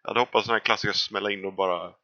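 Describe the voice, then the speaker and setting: A man's voice: on the low side, steady tone, bright, forceful tone. A man playing in a tabletop game, talking in a laid-back, hesitant way. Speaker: player. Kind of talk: casual chat. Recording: dull lo-fi mic.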